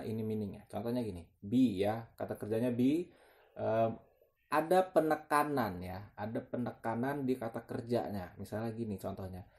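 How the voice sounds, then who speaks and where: Gravelly-voiced man teaching casually. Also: medium pitch. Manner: relaxed, slangy, with fillers and self-corrections. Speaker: TOEFL teacher. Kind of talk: casual explanatory lesson.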